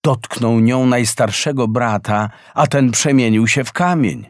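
A man reading a fairy tale aloud as narrator, with expressive, measured storytelling. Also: mid-range voice, no echo, studio quality.

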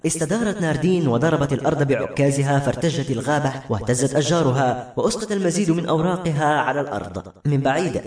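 A man narrating a novel as an audiobook, in an expressive storytelling manner. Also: fairly high pitch, rapid-fire, few pauses. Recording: echoey room.

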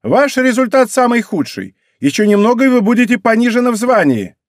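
A man voicing a bossy young girl who plays a drill sergeant and shouts commands. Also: on the high side, wildly swooping pitch, a little fast, no echo, clean studio sound, pitched above the performer's own voice. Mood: bossy, shouting.

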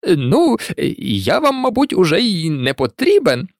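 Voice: medium pitch, wildly swooping pitch, slow pace, no echo, studio quality, voice pushed up, full character voice. A narrator voicing a vain grown male wizard teacher who stammers and sounds nervous.

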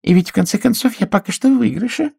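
A meek, placid older spinster with a mild, soothing way of talking, as a male audiobook narrator puts her on. He lifts his voice far up into a high, bright register. It is a storybook reading with a dry, close sound. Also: fast talker, vocal fry, slightly rough, no room sound, heavily acted.

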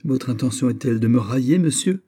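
A man's voice: mid-range voice, lively intonation, a little fast, dark tone, voice pushed up, natural voice. A man reading aloud, voicing a hot-tempered, haughty young English duke in an audiobook. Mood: indignant. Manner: imperious, angry outbursts.

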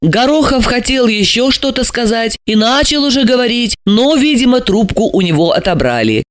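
A woman narrating an audiobook in an expressive storytelling manner. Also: fairly high pitch, normal speed, no room sound. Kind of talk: scripted narration.

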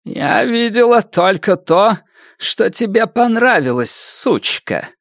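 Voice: medium pitch, big pitch swings, slow, gravelly, fairly bright tone, no room sound, studio quality, pitched above the performer's own voice, heavily acted. A reader voicing a spiteful old witch. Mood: harsh, scornful. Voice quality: harsh, cutting. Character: harsh, spiteful old woman, a village witch. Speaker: audiobook narrator voicing a character. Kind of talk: audiobook reading.

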